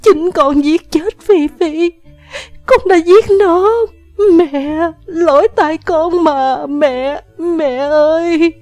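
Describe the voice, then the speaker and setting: A woman's voice: very high voice, very slow, darkish tone, dry recording, soft background music, pitched above the performer's own voice, exaggerated voice. A woman voicing a feverish, grief-stricken teenager who sobs, screams and pleads in an audiobook. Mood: anguished. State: crying. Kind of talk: audiobook character voice.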